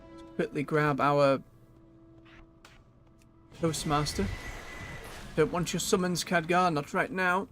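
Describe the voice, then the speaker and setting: A man's voice: fairly high pitch, fairly even intonation, takes it slowly, long pauses, a bit bright, soft background music. A man giving casual gameplay commentary as a streamer, chatty and muttering to himself as he goes. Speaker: video game streamer.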